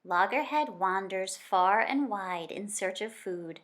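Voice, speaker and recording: With a teacherly, expressive storytelling delivery, a woman reads out a nonfiction picture book for children. Her pacing is deliberate, and her voice is mid-range.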